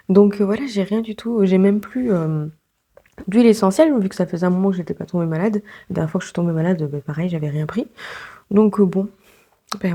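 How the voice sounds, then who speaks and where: Congested and nursing a sore throat, a young book vlogger talks casually with plenty of fillers and laughs. She has a lowish, mellow voice with a breathy edge.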